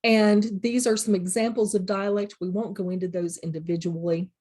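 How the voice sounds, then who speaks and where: A woman's voice: medium pitch, steady tone, normal speed, darkish tone. A middle-aged woman, a college instructor, giving a recorded lecture in a plain, practical way, with examples from her own classroom.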